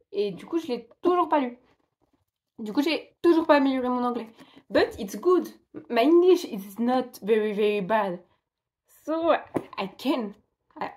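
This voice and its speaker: Young woman chatting casually to camera, rambly, laughs at herself, medium pitch. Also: darkish tone. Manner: chatty, rambling, self-mocking, filler-heavy. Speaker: book vlogger.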